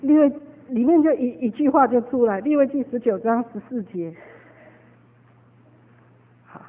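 A woman's voice: fairly high pitch, fairly quick, husky. A woman preaching a sermon, telling a story with many fillers and repeated words. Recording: tinny phone-like echoey hall.

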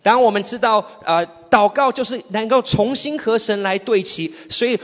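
A man with a Malaysian accent interprets a sermon in short, sometimes halting phrases. His voice sits high for a man and carries a long hall echo, with a slightly muffled sound.

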